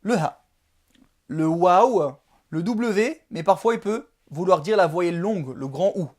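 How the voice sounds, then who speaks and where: An unhurried teacher walks through each sound in a video lesson. The delivery is slow and patient, with every syllable repeated in careful drills and frequent checks that the viewer is following. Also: mid-range voice, a little mellow. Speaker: Arabic alphabet teacher.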